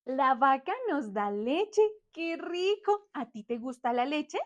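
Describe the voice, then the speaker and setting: A woman's voice: high-pitched, dull audio. A young woman teaching small children in a cheerful, exaggerated sing-song manner, and sometimes imitating animal sounds.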